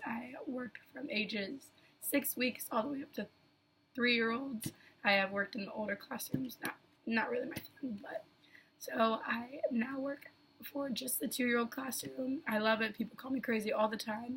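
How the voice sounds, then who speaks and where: A young woman, a daycare teacher, talking casually to camera while losing her voice, so she sounds hoarse and often slips into a whisper. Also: on the high side, fairly even intonation, normal speed, a bit bright, a little hiss or hum, poor audio. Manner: goofy, laid-back, chatty. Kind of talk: casual video talk.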